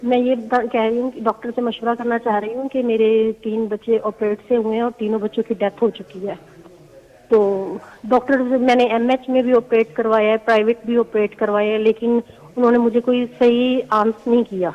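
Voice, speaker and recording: پاکستان سے ایک خاتون کالر، دھیمی آواز میں پریشانی سے اپنا مسئلہ دہراتی ہے۔. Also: female voice, fairly high pitch, flat delivery. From Pakistan. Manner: soft-spoken, worried, repeats herself. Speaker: caller. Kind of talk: phone call to a show. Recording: dull phone line played in reverberant studio.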